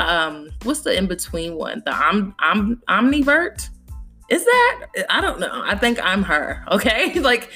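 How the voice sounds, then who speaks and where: A woman's voice: lowish voice, pushed and bright. A young woman hosting a casual solo podcast from home, blunt and profane, chatting straight to her listeners. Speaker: podcast host. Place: home recording space.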